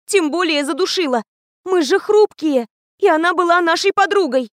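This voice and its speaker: A woman's voice: very high-pitched, expressive, moderate pace, dry recording, clean studio sound, voice pushed up. Woman doing a horrified young student. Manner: horrified, protesting. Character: frightened young female student.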